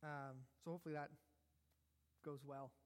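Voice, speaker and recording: A man's voice: a little high, fairly even intonation, normal speed. A man preaching a sermon, conversational and self-deprecating, with jokes and asides. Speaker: pastor. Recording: long hall reverb.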